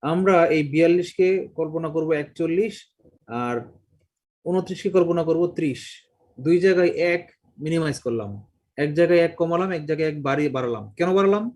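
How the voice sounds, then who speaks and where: A middle-aged man teaching a math class, lively and questioning the students, mixing English terms into his Bengali. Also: on the high side, brisk. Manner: mixes English words and numbers into Bengali. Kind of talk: classroom lecture.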